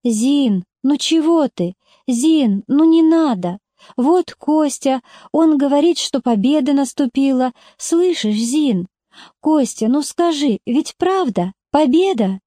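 A woman reading aloud and voicing a gentle, tearful young woman who speaks in a soft, wondering way. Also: high voice, animated, takes it slowly, dry recording, studio quality, voice pushed up. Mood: pleading.

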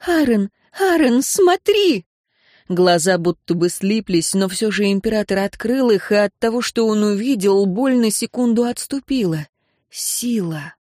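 Measured woman narrating a dramatic audiobook. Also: fairly high pitch, no echo, clean studio sound.

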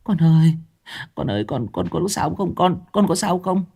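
A man voicing a worried mother who pleads softly and repeats herself at her son's bedside. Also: high-pitched, lively intonation, normal speed, vocal fry, slightly rough, voice pushed up, heavily acted. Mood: anxious pleading.

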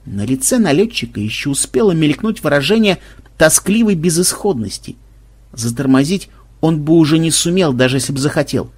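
A man's voice: fairly high pitch, lively intonation, brisk, a little mellow, slightly rough. A man narrating an audiobook expressively, giving each character a voice.

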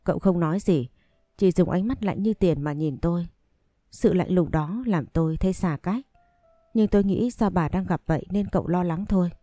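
Low, mellow woman narrating a story. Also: normal speed, no echo, clean studio sound, faint music behind. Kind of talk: scripted first-person story narration.

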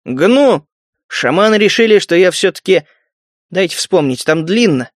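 A man's voice: sits high, expressive, unhurried, no room sound, studio quality. Sever, a man voicing a cocky wasteland brawler. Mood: boastful. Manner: boastful, mocking storyteller. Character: Sever, a tough young male wasteland fighter, cocky and blunt.

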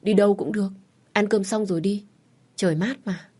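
A woman voicing a caring young husband in an audio story, asking gentle, concerned questions. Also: mid-range voice, steady tone, brisk, slightly rough, voice pushed up, lightly acted.

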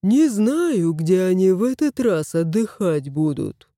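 A woman voicing a lazy, smug, spoiled male house cat in a storybook, drawling slowly. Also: fairly low pitch, very animated, dark tone, dry recording, studio quality, pitched below the performer's own voice.

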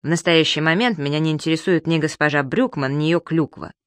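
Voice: mid-range voice, fairly quick, a bit bright, no echo, lightly acted. A reader playing a fussy, exasperated grown man who talks in a stern, grumbling way.

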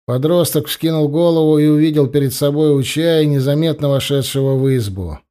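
A man narrating a fantasy audiobook in an expressive storytelling manner. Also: on the high side, a little fast, smooth. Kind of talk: scripted narration.

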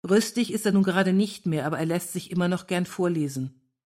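A woman's voice: fairly low pitch, a little fast, a little mellow, close to an everyday voice. A woman reading aloud, voicing a kind young woman with a soothing manner.

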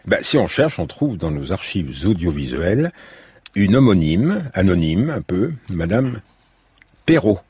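A man with a very husky voice hosting a radio interview in a halting, wry, digressive way. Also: deep voice, very animated, a little mellow, no room sound. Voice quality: very husky, gravelly.

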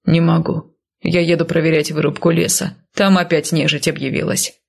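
A woman voicing a gruff, irritated male comrade in whispered role-play. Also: deep voice, level tone, normal speed.

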